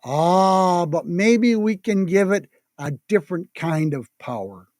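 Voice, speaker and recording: A storyteller acts out a jolly old man from a Christmas storybook. He is hearty and kindly, speaks slowly and sounds avuncular, in a dry recording. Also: medium pitch, lively intonation, a little mellow, no echo. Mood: encouraging.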